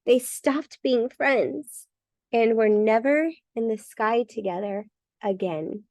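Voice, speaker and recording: A woman reading a bedtime story for children in an expressive, emphatic way. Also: a little high, slow, dry recording. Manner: expressive, emphatic with repeated words. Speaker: storybook reader.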